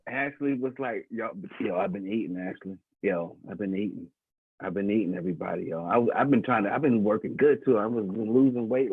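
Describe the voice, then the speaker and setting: A man's voice: mid-range voice, breathy edge, no echo. A man doing loose, rambling stand-up from his bedroom over a video call, laughing often. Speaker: stand-up comedian. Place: bedroom at home. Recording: tinny phone-like call audio.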